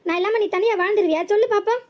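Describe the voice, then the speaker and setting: A woman's voice: very high-pitched, racing, darkish tone. A woman voicing a scheming older village mother-in-law with a southern Tamil Nadu accent, coaxing and guilt-tripping in a cartoon. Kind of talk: cartoon voice acting.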